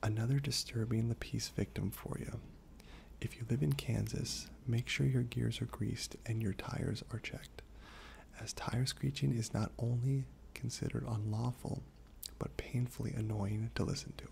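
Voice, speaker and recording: Soft-spoken man, creaky half-whispered ASMR. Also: medium pitch, steady tone, a little hiss or hum. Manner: gentle, unhurried delivery with gum chewing. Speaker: ASMR host. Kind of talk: soft-spoken ASMR, reading trivia aloud with asides.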